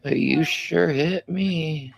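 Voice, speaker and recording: A woman's voice: low-pitched, slow pace, creaky. A woman livestreaming late at night, mumbling in a drowsy, half-whispered way.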